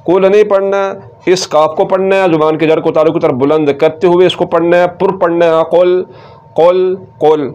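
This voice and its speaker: A man teaching Quran recitation, explaining letter sounds step by step and repeating words slowly. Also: fairly high pitch, steady tone, a little mellow, muffled recording. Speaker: tajweed teacher.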